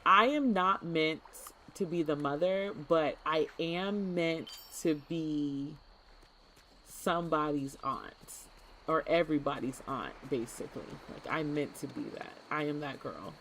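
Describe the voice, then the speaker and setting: A young woman chatting casually while streaming a game, animated and playful, slipping into put-on as she talks. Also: low voice, measured pace, a little hiss or hum.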